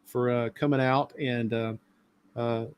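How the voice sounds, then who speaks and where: A man's voice: medium pitch, fairly even intonation, unhurried, smooth. A middle-aged man hosting a live stream, talking casually and at length with many fillers. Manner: rambling, talkative, lots of fillers.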